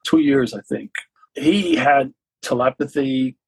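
A man's voice: mid-range voice, slow, slightly rough, dry recording, rough recording. A man giving casual, explanatory commentary as an expert guest in a podcast discussion. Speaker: guest expert on vintage radio and film.

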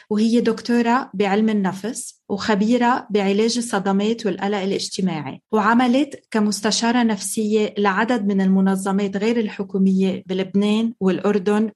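A woman with a Levantine Arabic accent who hosts a show, reading a scripted introduction and then asking a guest clear, earnest questions. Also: medium pitch, a little mellow. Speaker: host.

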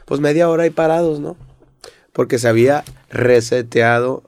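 Speaking in a mid-range voice with some vocal fry, this young rapper from Mexico keeps a moderate pace, and there's no echo. His Mexican Spanish accent colors a lively account of a rough night, complete with acted-out quotes, in a relaxed interview.

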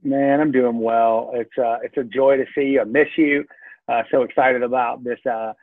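A man's voice: medium pitch, fairly even intonation, moderate pace, dry recording. A man with a Southern US Georgia accent, a pastor chatting casually and joking as a podcast guest over a video call. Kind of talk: casual chat. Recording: dry tinny call-quality line.

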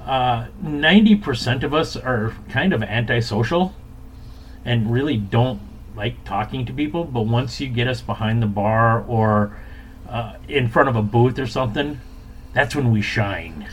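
A man's voice: medium pitch, unhurried, low-quality recording. A man hosting a podcast, chatting casually as a bartender talking shop. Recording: clear background noise.

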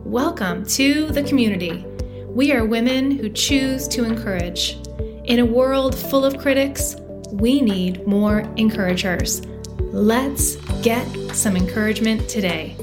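A woman hosting a devotional podcast, lingering slowly on key words and repeating them for emphasis. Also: on the high side, roomy sound, over music. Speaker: podcast host.

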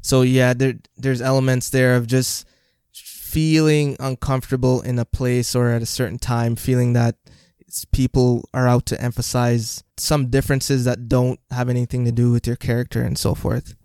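Flat, calm man from Jamaica. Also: medium pitch, moderate pace, smooth, no echo, clean studio sound. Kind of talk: panel discussion.

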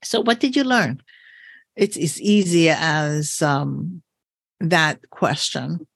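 A woman's voice: low voice, slow pace, gravelly, breathy edge, no room sound, studio quality. A woman hosting a podcast as a coach, talking thoughtfully and encouragingly with frequent laughs. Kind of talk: reflective podcast conversation.

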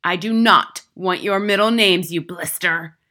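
A woman's voice: fairly low pitch, moderate pace, sharp tone. A woman reading a storybook, voicing a gigantic tyrannical headmistress who barks contemptuous insults. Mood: angry scolding. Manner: barking, bellowing insults.

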